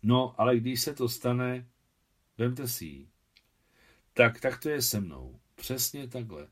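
A man's voice: mid-range voice, lightly acted. A man reading as a weary old man with a hidden past. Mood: weary confessional. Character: aging man living under a false name, weary and humble. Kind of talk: reading a novel aloud.

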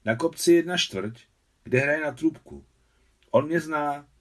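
A man voicing a sulky runaway boy, raised pitch. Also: recorded from a distance, close to an everyday voice. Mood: defiant. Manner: sulky, snapping. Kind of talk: audiobook dialogue.

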